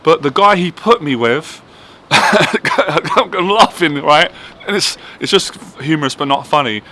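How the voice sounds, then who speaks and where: A man's voice: on the high side, lively intonation, a little slow, bright, forceful tone. A man telling a personal story in a chatty, casual way, often checking in with "right?". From Ireland. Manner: chatty, keeps asking "right?". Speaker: vlogger sharing a personal story.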